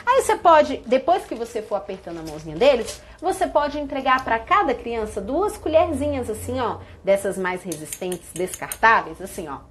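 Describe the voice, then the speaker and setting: A high-voiced Brazilian woman teaching other teachers on a live stream. She talks animatedly as she shows props and breaks into little sung greetings. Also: expressive, normal speed, hardly any pauses, a little hiss or hum. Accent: Brazilian Portuguese. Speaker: early childhood teacher.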